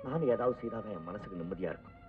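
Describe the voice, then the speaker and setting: A man's voice: on the low side, lively intonation, rapid-fire, close to an everyday voice. An actor playing an eager young male doctor with a cheeky, teasing way of talking. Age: young adult. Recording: tinny far-off old film soundtrack with music.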